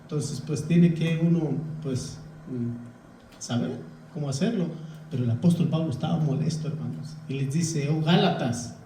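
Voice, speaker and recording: A man's voice: on the high side, moderate pace, warm tone, a little hiss or hum. A man, a pastor giving a folksy, conversational sermon and often addressing the congregation as brothers. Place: church hall. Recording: echoey church hall, distant mic.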